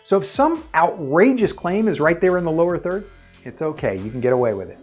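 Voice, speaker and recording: A man presents a relaxed on-camera tutorial, speaking plainly as if chatting with a friend. He drops the odd filler as he goes, with soft music faintly behind him. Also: fairly high pitch, a little fast, breathy edge. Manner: conversational and plain-spoken, with occasional fillers. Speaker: video presenter giving tips. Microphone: self-recorded on his own camera.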